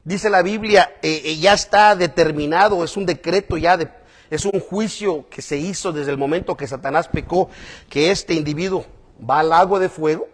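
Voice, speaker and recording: A man preaching a conversational sermon to a congregation, often checking in with "¿verdad?" and swinging between loud emphatic lines and quiet asides. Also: on the high side.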